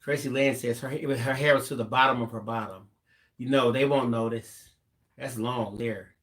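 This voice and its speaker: A man co-hosting a live craft stream, reading viewer comments aloud with relaxed, joking asides. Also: mid-range voice, normal speed. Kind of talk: live stream co-host chat.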